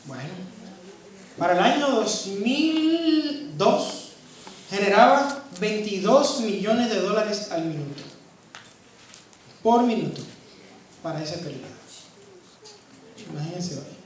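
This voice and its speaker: A woman preaching a sermon. She asks rhetorical questions and swings from quiet, low talk to loud, high-pitched preaching. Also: animated, slow, pauses often. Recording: very echoey room from far off, faint noise.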